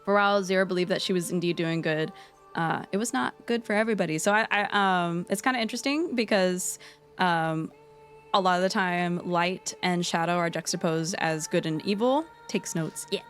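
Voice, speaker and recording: A woman's voice: lowish voice, moderate pace, soft background music. A woman streaming an unscripted lesson on game lore, rambling and correcting herself, with playful asides.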